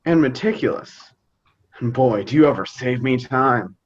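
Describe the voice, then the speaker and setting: A man's voice: mid-range voice, expressive, moderate pace, lo-fi sound, slight background noise, lightly acted. A man playing a fond, hesitant dad in a scripted stage comedy, fumbling for his words. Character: fond, hesitant, slightly awkward suburban dad. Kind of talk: scripted youth theater comedy acting.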